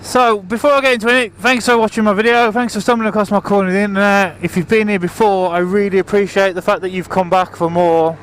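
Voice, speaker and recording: A man's voice: sits high, fairly even intonation, fast talker, few pauses, a bit bright, poor audio. A man chatting casually to viewers in a rambling, apologetic way, raising his voice over the engine as he rides a motorbike with a helmet mic. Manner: raised voice talking over engine noise. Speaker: motorbike vlogger. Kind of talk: casual vlog chat to viewers while riding. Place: outdoors, riding a motorbike on the road. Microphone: helmet microphone, visor open. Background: motorbike engine, wind, traffic.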